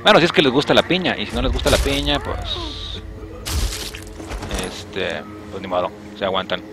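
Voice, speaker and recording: Over background music, a young man with a Mexican accent speaks in a mid-range voice at normal speed. He's streaming a game, cracking jokes, and talking animatedly and casually with his chat.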